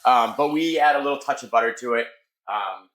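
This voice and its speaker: A middle-aged American man, a chef, explaining his cooking in a casual, halting conversational way. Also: medium pitch, fairly bright tone. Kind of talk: casual cooking demonstration and chat. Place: restaurant kitchen. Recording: echoey kitchen room sound.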